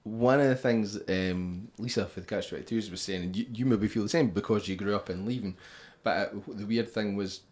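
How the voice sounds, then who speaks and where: A man's voice: fairly low pitch, a little fast, few pauses, a little mellow. A man with a Scottish accent hosting a casual interview, talking in a rambling, roundabout way. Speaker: interviewer and festival organiser. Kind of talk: casual chat.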